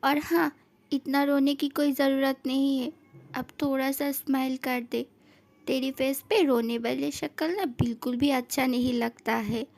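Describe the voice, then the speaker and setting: A woman's voice: sits high, steady tone, unhurried, creaky, a little mellow. A woman voicing a stern young man who scolds firmly but cares, in a fan-fiction story. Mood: scolding. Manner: firm, scolding.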